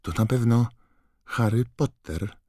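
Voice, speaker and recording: A man voicing a timid, servile female house-elf in an audiobook, with a high, trembling squeak and constant deference. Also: takes it slowly, warm tone, dry recording, studio quality. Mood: timid, awed. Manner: servile, calls everyone sir. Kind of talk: audiobook character voice.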